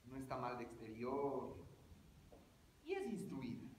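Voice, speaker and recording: A woman playing a nervous, hypochondriac 35-year-old bachelor in a stage comedy, fretful and halting, repeating words. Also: very deep voice, very animated, heavily acted. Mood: anxious. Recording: echoey room with loud noise.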